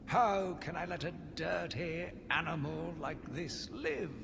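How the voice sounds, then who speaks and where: A voice actor with a fairly high voice narrates as a villain, a sinister, zealous madman fixated on punishing monsters, in a scripted audio journal for a video game. Bitter and full of revulsion, he broods theatrically and deliberately, with dramatic emphasis. Long, cavernous reverb and clearly noisy ambience surround him.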